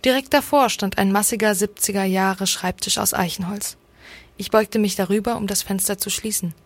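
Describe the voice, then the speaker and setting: A woman reading a first-person story aloud in a calm, measured way. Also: medium pitch, no room sound. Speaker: story reader. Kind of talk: scripted story narration.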